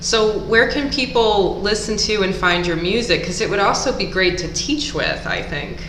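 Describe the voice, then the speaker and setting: A woman's voice: mid-range voice, expressive, normal speed, a bit bright, slight background noise. A woman interviewer asking friendly, complimentary questions. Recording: roomy echo.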